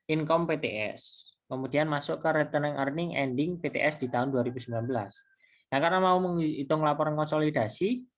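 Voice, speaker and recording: This accounting lecturer speaks at a medium pitch, explaining step by step in a casual recorded tutorial. He pauses and hesitates, goes back over points again and again, and asks himself questions as he talks.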